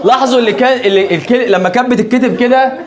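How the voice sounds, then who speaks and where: Over a noisy crowd, this man teaches a class in a very high, very fast voice with an Egyptian Arabic accent. His lecture is lively and full of jokes, and he keeps asking whether the students are following.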